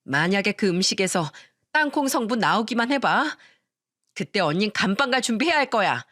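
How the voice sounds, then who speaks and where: A woman's voice: mid-range voice, big pitch swings, fairly quick, a bit bright, no room sound, clean studio sound. A woman voicing an angry, loyal young woman who scolds her older sister sharply and hurls accusations. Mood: scornful.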